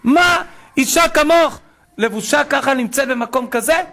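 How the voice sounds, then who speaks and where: A man voicing a harsh armed male terrorist who barks commands in a shrill, forceful voice. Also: lively intonation, creaky, heavily acted. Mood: scornful.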